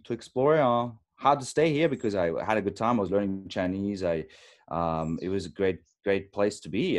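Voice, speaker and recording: A man from Germany in his thirties, a native German speaker giving a thoughtful, halting interview with many fillers over a video call. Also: lowish voice, a little mellow. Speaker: actor guest.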